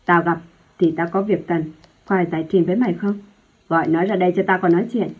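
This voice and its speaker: Storybook role: a shrewish, bossy old mother, read by a woman, husky and loud, on a tinny phone-like recording. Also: lowish voice, steady tone, fast talker. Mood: shouting. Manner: loud scolding, harsh and contemptuous. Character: sharp-tongued shrewish older mother, domineering.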